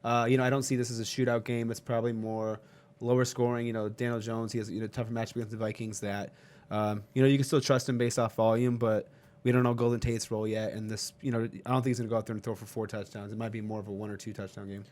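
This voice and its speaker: Fast-talking young man analyzing matchups. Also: lowish voice, little pitch movement, a little mellow. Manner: quick, chatty, hedging with fillers. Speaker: co-host. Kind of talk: casual podcast chat.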